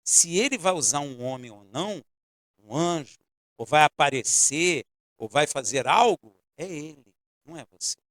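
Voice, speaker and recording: A man's voice: fairly high pitch, animated, normal speed, no echo, studio quality. A man preaching a sermon as pastor, telling a personal story and speaking directly to his congregation. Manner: storytelling with shifting loudness, addresses congregation directly. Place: church.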